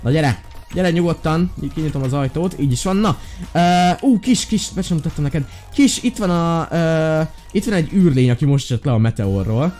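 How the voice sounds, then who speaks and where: A man hosting a gaming channel, giving excitable commentary, talking to his viewers and squealing with delight. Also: a little high, soft background music. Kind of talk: let's play commentary.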